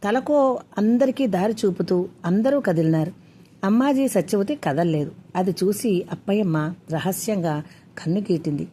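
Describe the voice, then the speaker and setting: A woman storyteller reading a story aloud in a steady, measured way. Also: mid-range voice, slight background noise. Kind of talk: scripted story narration.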